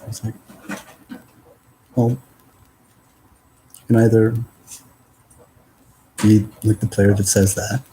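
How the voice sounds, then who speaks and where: Low, dark-voiced man musing casually. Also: flat delivery, a little slow, long pauses, slight background noise, low-quality recording. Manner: meandering, full of "like" and quoted exchanges. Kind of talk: casual rambling monologue.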